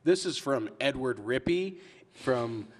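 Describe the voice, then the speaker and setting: A man's voice: mid-range voice, animated, takes it slowly. A man co-hosting a casual podcast, reading old comic letters aloud and joking, laughing and swearing often. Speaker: podcast co-host. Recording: long hall reverb.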